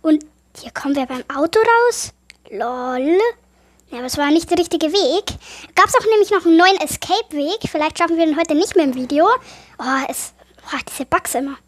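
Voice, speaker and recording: Excitable high-voiced German gamer woman. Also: moderate pace. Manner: excitable, easily startled, chatty. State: a little sick, voice affected. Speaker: gaming YouTuber. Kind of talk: horror game let's play commentary.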